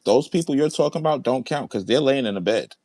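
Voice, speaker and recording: Fast and expressive, a man with a slightly mellow, medium-pitched voice argues hard in an online debate, cursing while repeating himself. There's no echo, though he's in a large room at home.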